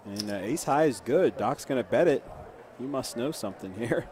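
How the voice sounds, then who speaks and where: Guy doing live poker stream commentary, low-key, kinda hesitant, short clipped play by play, average pitched voice. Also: expressive, moderate pace, a little mellow.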